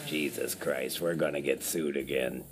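A man's voice: low voice, animated, slow, very noisy, heavily acted. A man playing an exasperated guy stuck in a silly commercial, dry and swearing.

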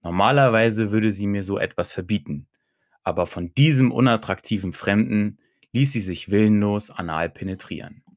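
A man reading a first-person audiobook story in a calm, even way. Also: lowish voice, normal speed, no room sound, clean studio sound. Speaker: audiobook narrator.

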